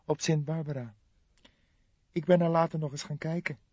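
A man reading an audiobook, voicing a wistful elderly woman in a raised falsetto. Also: fairly even intonation, normal speed, no echo, highs cut off, lightly acted. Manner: raised falsetto, soft and mournful. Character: elderly woman, sister of a dead crook, wistful.

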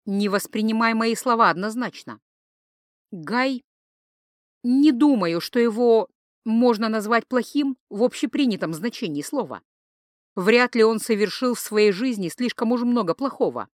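A woman's voice: fairly high pitch, expressive, unhurried, no room sound, studio quality. A woman reading an audiobook, voicing a blunt, exasperated young woman.

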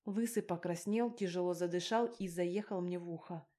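A woman's voice: fairly low pitch, moderate pace, warm tone. Woman reading a first-person audiobook. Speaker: audiobook narrator.

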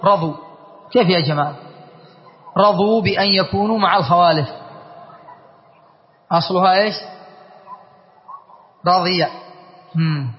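High-voiced man teaching grammar in a hall. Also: normal speed, pauses often. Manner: questioning students, spelling out word forms. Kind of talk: classroom grammar lesson. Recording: dull long-reverb lecture hall recording.

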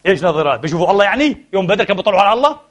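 A male scholar lecturing at a rapid clip in a fairly high voice. He presses the audience with quick questions and scoffs at opposing views. When he quotes verses, he slows down and chants them. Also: big pitch swings. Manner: keeps quizzing the audience with short prompts; mocking, argumentative asides. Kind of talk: religious lecture.

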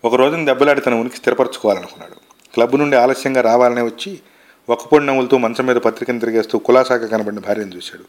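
A man reading a short story aloud in a measured, expressive storytelling manner. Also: medium pitch.

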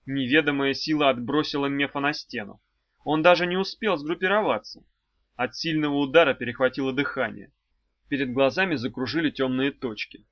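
A man narrating a fantasy audiobook in a measured, even reading. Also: mid-range voice, dry recording, muffled recording. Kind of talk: scripted narration.

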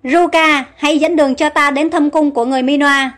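Woman reading a worried young prince, urgent and determined, high voice, faint music. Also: fairly even intonation, fairly quick, a bit bright.

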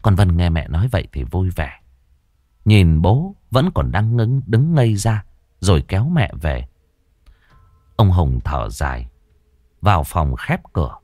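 A man telling a ghost story in a lively, dramatic way. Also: low-pitched, measured pace, long pauses, dry recording, studio quality.

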